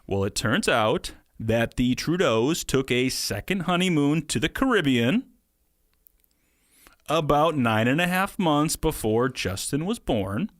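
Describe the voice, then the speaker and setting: A man's voice: on the high side, animated, a little slow, dry recording, clean studio sound. A man in his thirties co-hosting a casual podcast, presenting a theory in a wry, hedging way. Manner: wry, hedging, laughs at own claims.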